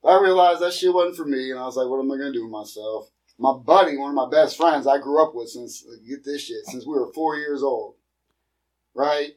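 A man's voice: medium pitch, brisk, darkish tone, distant mic, poor audio. A middle-aged man from Pennsylvania telling stories in casual chat, slangy and profane. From Erie, Pennsylvania. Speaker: podcast guest, comedian.

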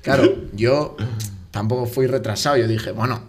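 A young man spins a long, rambling story for his friends on a casual podcast. His voice sits at an ordinary middle pitch, and he keeps piling on animated asides. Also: brisk, music in the background. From Basque Country, Spain. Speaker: podcast co-host. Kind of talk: casual chat among friends.

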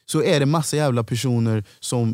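A man's voice: medium pitch, dry recording, clean studio sound. A man, a stand-up comedian, telling stories in a casual podcast chat, acting out the people he quotes. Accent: Swedish. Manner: animated storyteller, acts out quoted voices.

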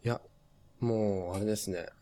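A man's voice: fairly low pitch, fairly even intonation, moderate pace, mellow. A man in a casual chat, mostly giving short, agreeing responses.

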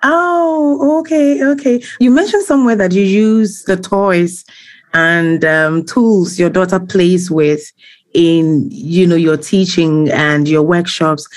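A woman's voice: on the low side, takes it slowly. A woman who hosts a podcast and works as a journalist, giving a scripted introduction and then asking questions with short affirming interjections.

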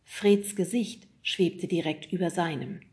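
A woman narrating a children's audiobook with lively, scripted storytelling. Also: fairly low pitch, unhurried.

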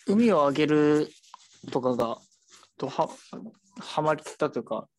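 A bookshop staffer chats casually about the shelves, rambling and full of fillers. The pitch swings widely and lively as the talk runs on. The voice sits at a middle height. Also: measured pace. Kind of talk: casual chat.

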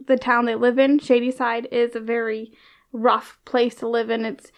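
High-voiced woman, loose teasing chat. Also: monotone, normal speed. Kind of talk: casual chat. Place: office.

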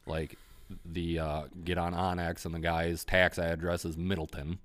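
A man with a very low voice spins a casual, rambling story, cursing freely and leaning on fillers as he goes. His delivery is loose and conversational. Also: level tone, a little slow, a bit bright. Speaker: podcast guest telling a hunting story.

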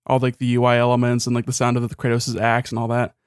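A man's voice: medium pitch, completely flat delivery, fast, smooth, no room sound, clean studio sound. A young man co-hosting a podcast in an easygoing, rambling and wry way, talking through games. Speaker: podcast co-host. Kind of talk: casual chat.

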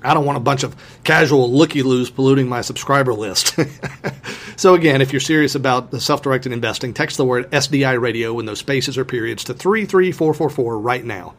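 A man's voice: medium pitch, brisk, fairly bright tone. Emphatic man hosting a finance podcast. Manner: folksy, emphatic explainer addressing listeners as friends. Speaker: podcast host. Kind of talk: solo explanatory podcast talk.

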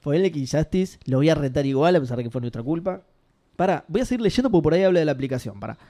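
A man with a Rioplatense Spanish accent hosts a casual podcast and reads listener messages between jokes and laughs. His voice sits a little high, with a dark, mellow tone. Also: animated, rapid-fire.

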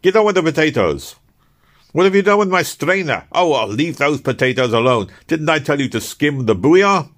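A man's voice: a little high, animated, moderate pace, a bit bright, voice pushed up. A man voicing a bossy, nagging female cook who barks scolding orders in a kitchen.

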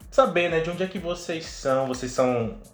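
A man's voice: fairly high pitch, a little fast. A man hosting a show in a casual, chatty way. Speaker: show host. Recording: roomy sound with music behind.

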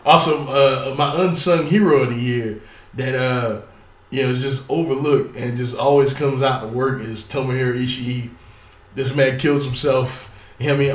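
A wrestling commentator talks casually on his own about pro wrestling, rambling and cursing with plenty of fillers and stutters. His voice is mid-range, and the distant mic gives a reverberant sound.

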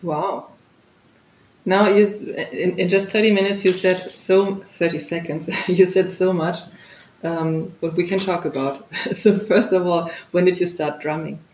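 A woman co-hosting a casual interview, soft-spoken and giggly as she asks questions. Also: fairly low pitch, fairly even intonation, unhurried, slight background noise. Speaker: podcast co-host. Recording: roomy with faint ambience.

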